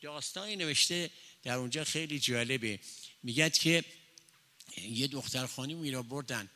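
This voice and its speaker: A man's voice: mid-range voice, pushed and bright. A man preaching a sermon, telling a story with conversational asides to his listeners. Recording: long hall reverb.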